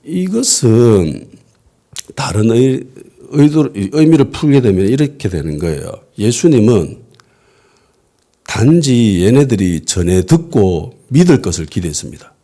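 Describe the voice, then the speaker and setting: Husky low-voiced pastor. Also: male voice, unhurried. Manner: lively, asks the congregation rhetorical questions. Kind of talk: conversational sermon. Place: church worship service.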